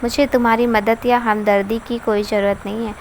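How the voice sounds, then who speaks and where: A woman's voice: fairly high pitch, little pitch movement, normal speed, a little hiss or hum, close to an everyday voice. A woman reading a story aloud, voicing a furious, domineering young man who scolds harshly. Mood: angry scolding.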